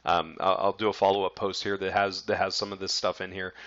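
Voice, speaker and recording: Male business coach, fairly low voice, forceful edge, casual rambling delivery, dull lo-fi sound. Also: level tone, a little fast. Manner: conversational, many fillers and restarts, addresses viewers as guys. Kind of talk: casual marketing lesson.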